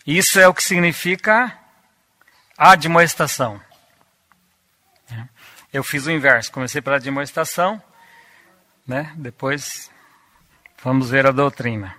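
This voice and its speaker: A man delivers a teaching sermon at an unhurried pace. His voice sits a little high and sounds bright and crisp. He speaks deliberately and repeats key words for emphasis. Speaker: preacher.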